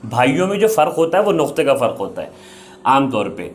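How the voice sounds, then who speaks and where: A man's voice: mid-range voice, big pitch swings. A young man teaching the Arabic alphabet in Urdu, patiently explaining each letter and repeating its sound.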